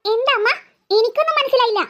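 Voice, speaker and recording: A woman's voice: very high-pitched, fast, pushed and bright. A woman voicing a sly girl in a cartoon who pretends to be innocent and brushes off her sister. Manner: feigned innocence, dismissive. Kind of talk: cartoon voice acting.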